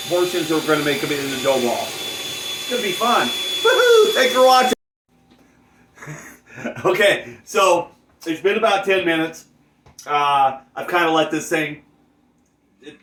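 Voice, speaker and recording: Laid-back stoner man in an echoey room. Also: a little high. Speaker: cooking show host. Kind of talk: casual cooking demonstration. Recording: roomy, distant mic, faint noise.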